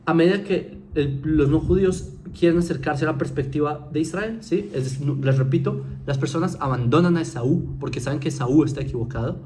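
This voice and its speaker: Chatty man lecturing, slightly high voice. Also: a little fast, hardly any pauses, dark tone, a little hiss or hum. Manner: conversational, keeps asking "¿sí?" to check understanding; frequent fillers and restarts, mocking mimicry. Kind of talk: informal recorded lecture to viewers.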